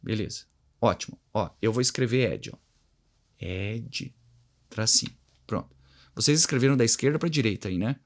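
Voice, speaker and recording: A guest trainer in communication and NLP, a man with a Brazilian Portuguese accent, explains things didactically in an interview. His voice is lowish and animated at a normal pace with long pauses, and he plays with his intonation for contrast, acting out brief dialogues as examples.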